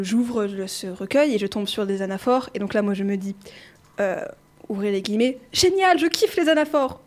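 A woman's voice: mid-range voice, a little mellow. A young adult woman presents a prepared literature column on a show, reading her script aloud and sometimes tripping over words and restarting.

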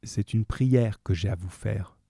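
A man voicing a humble middle-aged man under arrest who speaks softly and calmly. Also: unhurried, breathy edge, no echo, studio quality. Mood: calm pleading. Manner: soft, calm and low.

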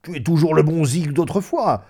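A man voicing a boisterous, vulgar male old schoolmate who boasts loudly and laughs through his words, in a story reading. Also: expressive, moderate pace, husky. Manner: loud, laughing, booming exclamations. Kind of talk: audiobook reading of a classic story.

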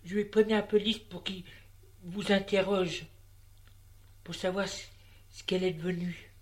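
A woman reading a story, voicing a cold, scheming young widow who speaks smoothly and politely but firmly. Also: medium pitch, fairly even intonation, moderate pace, pitched above the performer's own voice, close to an everyday voice. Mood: cool, guarded.

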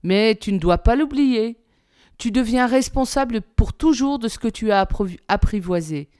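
A woman reading aloud, voicing a wise and tender fox who speaks calmly. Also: fairly high pitch, moderate pace, clear, resonant tone, no room sound, clean studio sound, natural voice.

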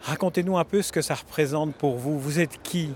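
A man's voice: on the high side, fairly quick, slight background noise. A male reporter interviewing people outdoors at a city station, asking questions with frequent small restarts. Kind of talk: field interview.

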